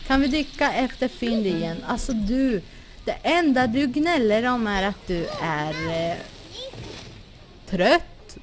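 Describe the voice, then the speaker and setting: Playing a life-sim game for her gaming channel, a woman keeps up chatty Let's Play commentary, often exclaiming, laughing and addressing her sims directly. Her voice is a little high and animated, with a little hiss or hum.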